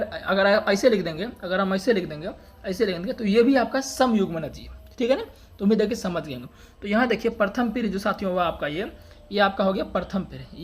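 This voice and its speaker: A man teaching an exam-prep science lesson, who keeps asking questions and answering them himself and repeats key terms, with dialect words in his Hindi. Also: sits high. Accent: Hindi dialect words (बड़का, छोटका).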